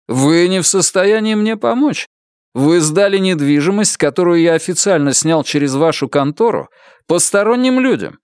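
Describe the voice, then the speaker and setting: A man voicing a firm young man who speaks calmly, coldly and insistently. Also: on the high side, normal speed, no echo, studio quality, pitched above the performer's own voice. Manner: calm, cold and insistent.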